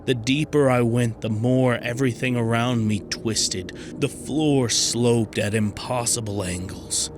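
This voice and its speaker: A male narrator reads a scripted horror story very slowly, with long pauses that let the tension build. His pitch sits in the middle of the range, and his delivery stays hushed and measured. A faint ambience hangs behind his voice. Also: fairly even intonation, noisy background.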